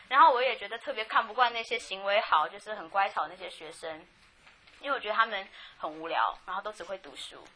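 A woman's voice: medium pitch, bright, forceful tone, breathy edge. A woman with a Taiwanese Mandarin accent telling her life story in a frank, chatty way, with many restarts. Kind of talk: personal testimony, casual storytelling.

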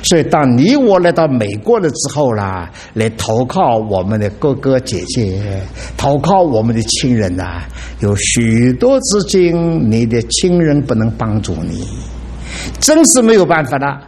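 A middle-aged man preaching a sermon as pastor, with dramatic exclamations and an animated delivery. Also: mid-range voice, unhurried, a little hiss or hum.

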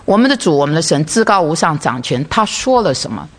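Gravelly-voiced woman preaching. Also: deep voice, big pitch swings, fairly quick. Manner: asks rhetorical questions and acts out everyday dialogue. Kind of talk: sermon.

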